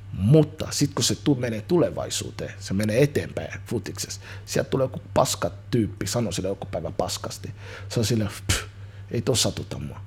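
A man in his thirties with a very husky, low voice. He chats as an interview guest about coaching young footballers, energetic and slangy, often restarting his sentences mid-thought. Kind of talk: casual interview chat.

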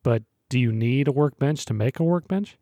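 Young man, husky voice, mid pitch, teasing podcast banter, dry close sound. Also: moderate pace, dark tone, no room sound. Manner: teasing, laughs often. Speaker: podcast co-host. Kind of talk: casual podcast chat.

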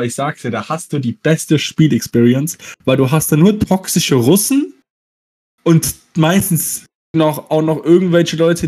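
Podcast host, male, loud slangy chatter, fuzz distortion from a clipping mic. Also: on the high side. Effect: clipping fuzz distortion from an overdriven mic. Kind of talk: casual chat. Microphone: home mic at home, input set too high.

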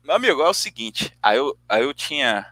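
Animated profane young man telling a story. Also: medium pitch, fairly quick, no room sound. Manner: animated, profane storytelling, acts out both sides of arguments. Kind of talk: casual chat.

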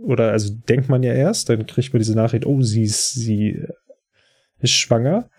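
A man's voice: mid-range voice, fairly even intonation, moderate pace, mellow. A man hosting a podcast, chatty and rambling as he casually retells an episode. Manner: chatty, rambling, many fillers. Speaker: podcast host.

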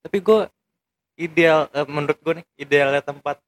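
A man's voice: a little high, moderate pace. Young man, dry teasing co-host, slight background hiss. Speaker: podcast co-host. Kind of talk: casual chat.

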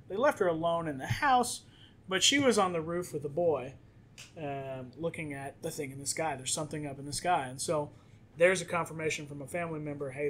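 Animated man retelling a film plot. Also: on the high side, slight background noise. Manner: animated retelling, acting out characters' lines. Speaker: podcast co-host. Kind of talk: casual film recap chat.

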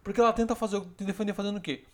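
A man who hosts a relationship advice podcast. He lectures emphatically and acts out example lines in a softer voice. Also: sits high, little pitch movement, rapid-fire.

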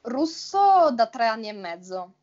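Higher-pitched young northern Italian woman. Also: sing-song, unhurried, darkish tone, muffled recording. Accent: fairly neutral northern Italian. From Friuli Venezia Giulia, north-east Italy. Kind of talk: casual chat about languages.

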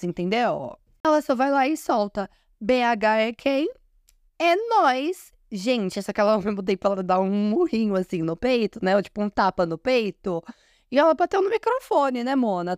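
A woman's voice: medium pitch, a little mellow, clear, resonant tone, no echo, studio quality. Gushing Brazilian woman podcast host. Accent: Brazilian Portuguese. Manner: effusive, gushing, chatty with many fillers. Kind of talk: casual fan recap commentary.

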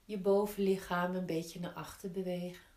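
Female yoga teacher, lowish voice, very slow and gentle guided instruction, roomy echo. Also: flat delivery. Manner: gentle, unhurried step-by-step guiding with pauses. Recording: roomy, echoing indoor sound.

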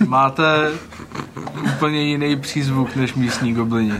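A man playing a character in a tabletop game, calm and reassuring. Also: medium pitch, noisy background. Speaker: player.

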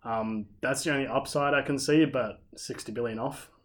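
A man's voice: medium pitch, fairly even intonation, moderate pace. A man co-hosting a podcast, chatty and enthusiastic in casual talk. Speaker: podcast co-host. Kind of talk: casual chat.

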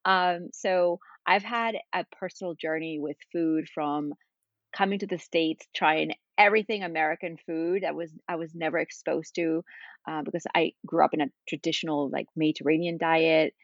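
A woman's voice: low-pitched, steady tone, moderate pace, no echo, muffled recording. A woman from Spain, in her thirties, chatting as a podcast guest in a rambling, filler-heavy way, about her cooking. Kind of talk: casual interview chat.

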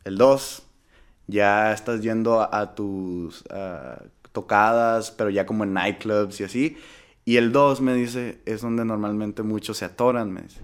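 A man's voice: fairly low pitch, a little slow, clear, resonant tone. A young man with a Mexican accent, a guest musician chatting casually, telling stories full of slang and acting out the voices of the people he quotes. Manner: animated storytelling with slang. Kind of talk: casual conversation.

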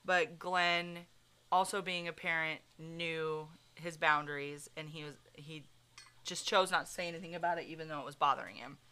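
A woman's voice: low voice, steady tone, moderate pace, sharp tone, smooth. A woman hosting a podcast, telling a true crime story in casual chat, full of fillers and swearing. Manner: chatty, many fillers like "like", swears freely. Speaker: podcast host.

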